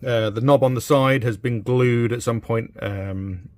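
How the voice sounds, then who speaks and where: In a noisy little electronics workshop crowded with clutter, a British vintage radio repairer in his fifties films a hands-on demonstration. He chats casually and reasons aloud in a mid-range, darkish, unhurried voice, with background ambience clearly audible.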